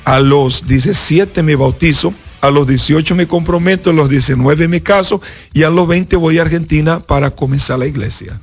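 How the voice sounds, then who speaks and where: At a moderate pace and in a slightly high voice with a breathy edge, a man speaks on a radio interview. He is a Brazilian pastor, a native Portuguese speaker, offering an earnest personal testimony in Spanish. As he tells it, he performs the different voices in the story.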